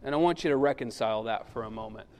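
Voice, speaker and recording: This pastor has a medium-pitched, darkish voice and rattles his sermon off rapid-fire, with a slight hiss or hum on the recording. He tells the story with humor and performs its people's voices, echoing through a large hall.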